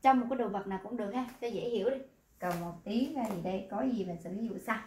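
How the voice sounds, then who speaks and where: A woman teaching, patiently explaining, quizzing the class and repeating words slowly. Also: medium pitch, a little mellow, reverberant, a little hiss or hum. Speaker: Korean language teacher.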